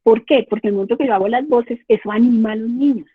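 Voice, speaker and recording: A woman's voice: fairly high pitch, fast talker, slightly rough, no room sound. A woman professor with a Colombian accent giving an explanatory remote lecture to parents, asking herself rhetorical questions as she goes. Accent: Colombian Spanish. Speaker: university professor. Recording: tinny phone-like line.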